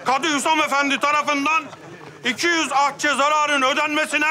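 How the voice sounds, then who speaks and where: An actor playing an Ottoman town crier, proclaiming a punishment to the public in drawn-out calls in a period drama. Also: very high-pitched, flat delivery, pushed and bright, full character voice.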